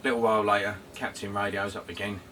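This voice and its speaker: A man's voice: lowish voice, level tone, quick pace, bright, forceful tone. A man with a southern English accent chatting casually outdoors in the wind, rambling informally with some hesitation. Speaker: co-host. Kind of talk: casual vlog chat. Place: outdoors on a windy day. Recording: windy outdoor mic, noisy, distant.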